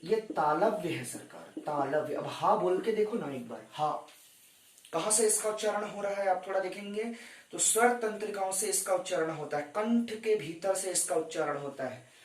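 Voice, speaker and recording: Addressing his students as "sarkar" and counting them down for screenshots, a man works step by step through an exam-prep grammar lecture. His voice sits high at a moderate pace, recorded from a distance with noticeable reverb.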